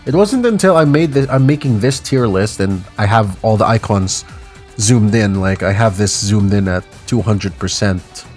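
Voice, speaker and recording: Male gamer, low voice, sick, loose rambling commentary, home desk mic, faint music behind. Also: a little mellow. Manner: rambling, casual, offhand verdicts with frequent fillers. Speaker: gaming video creator ranking icons. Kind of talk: unscripted tier-list commentary. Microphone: desk mic with headphones on.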